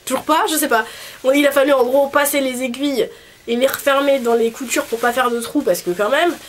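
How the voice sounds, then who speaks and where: Young female vlogger, fairly high honking voice, nasally congested from a cold, informal and rambling, audible background noise. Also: fairly even intonation, brisk. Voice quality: nasal, honking voice from a blocked nose. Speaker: cosplay vlogger. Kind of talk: casual video chat. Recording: clearly noisy background.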